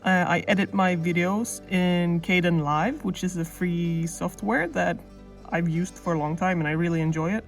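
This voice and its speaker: A woman's voice: fairly low pitch, steady tone, moderate pace. A woman narrating a devlog in an informal, self-deprecating way, recorded close under a blanket on an older camera's mic. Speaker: animation student vlogger. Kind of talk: casual devlog voice-over narration. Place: under a blanket indoors, processed in editing. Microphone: older camera used as mic. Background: music.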